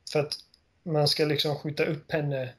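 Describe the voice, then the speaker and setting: A man co-hosting a casual game podcast, retelling scenes with animated storytelling. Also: fairly high pitch, husky. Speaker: podcast co-host. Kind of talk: casual chat.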